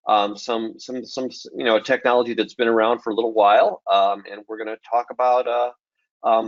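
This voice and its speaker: A man presenting a technical webinar, relaxed and full of ums and restarts. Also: on the low side, dry recording. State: early-morning voice. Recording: dull lo-fi webinar audio.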